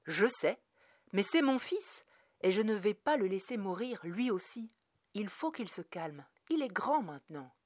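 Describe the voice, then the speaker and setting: A woman voicing a strict father at the family table in a read story, commanding and rising to shouts. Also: medium pitch, sing-song, measured pace, no echo, studio quality, pitched above the performer's own voice. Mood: stern, shouting.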